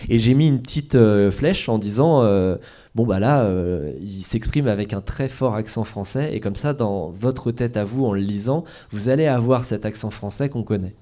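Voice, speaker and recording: A man, a comics author, telling an audience about his work in a relaxed, hesitant way with many filler sounds. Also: lowish voice, moderate pace. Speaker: comics author at a library talk. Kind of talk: casual talk to an audience.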